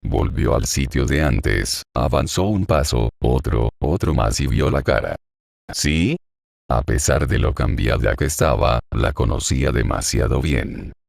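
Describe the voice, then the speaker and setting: A man narrating an audiobook chapter in a slow, measured reading. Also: very deep voice, vocal fry, darkish tone, no room sound, clean studio sound. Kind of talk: scripted narration.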